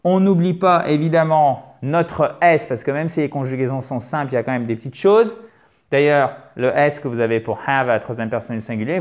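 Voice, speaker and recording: A French man teaching English pronunciation on camera in a lively, emphatic way, drilling words by repeating them. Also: mid-range voice. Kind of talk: video lesson. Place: indoor filming set with a spotlight. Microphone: camera mic, moves around in frame.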